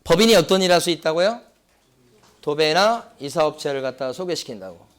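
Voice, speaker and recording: A male lecturer with a slightly high voice teaches an exam-prep class, constantly asking the room questions and answering them himself. He drags out key terms slowly so they stick. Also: expressive. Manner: tells anecdotes with acted-out quotes. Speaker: real estate exam lecturer.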